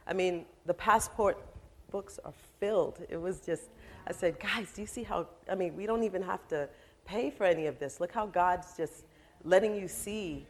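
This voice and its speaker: A woman's voice: lowish voice, moderate pace. A woman, a minister's wife, telling about her family in a casual, chatty way with many fillers and quoted asides. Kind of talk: personal testimony in casual conversation.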